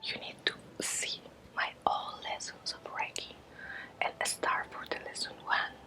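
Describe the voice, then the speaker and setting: A native Spanish-speaking woman leads an ASMR guided lesson as a Reiki teacher, whispering breathily in halting short phrases separated by long pauses. Her tone is sharp, and the recording is rough.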